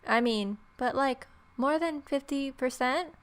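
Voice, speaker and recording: A gaming video host with a high, clear, resonant voice reads a visual novel aloud in a let's play, speaking a little slowly. She voices the protagonist's lines and ad-libs wry, playful asides.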